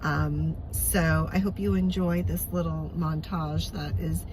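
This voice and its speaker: A woman from Long Island with a Long Island accent, rambling warmly through a video message to a friend with many pauses and fillers. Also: low voice, steady tone, background noise. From Long Island, New York.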